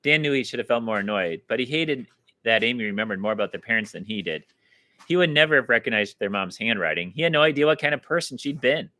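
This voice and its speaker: A man reading a children's novel aloud, then breaking off to chat about the story. His voice sits at a middle pitch and is recorded dry and close, with no room sound. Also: lively intonation, fast, sharp tone, dry recording. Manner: stops to explain the plot in a chatty aside. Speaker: book reader.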